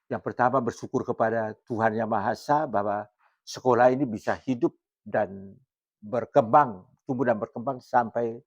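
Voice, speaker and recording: A retired school principal in his seventies from Maumere, answering interview questions calmly and often affirming with short yeses. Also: medium pitch, moderate pace, no echo, dull audio. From Maumere, Flores, Indonesia. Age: 70s. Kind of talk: casual interview.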